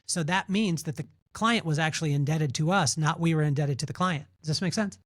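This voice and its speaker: A man with a fairly high voice speaks as a podcast guest. He talks through his points in an animated, storytelling way, repeating words as he goes and acting out what other people said. The sound is close and dry. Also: a little fast, no room sound. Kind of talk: conversational storytelling interview.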